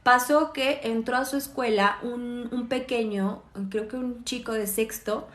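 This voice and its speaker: A woman's voice: on the high side, steady tone, measured pace, a bit bright. A woman, a therapist and mother speaking earnestly on a phone live stream. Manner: earnest, explanatory, with self-corrections. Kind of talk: live-stream parenting talk. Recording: roomy echoey room.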